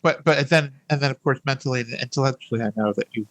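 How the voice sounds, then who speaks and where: Older male podcast guest, mid-pitched, reflective conversational delivery with halting repetitions. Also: a bit bright, no echo. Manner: hesitant, repeating words and phrases as he thinks aloud. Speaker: podcast guest, hospice nurse. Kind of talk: conversational interview.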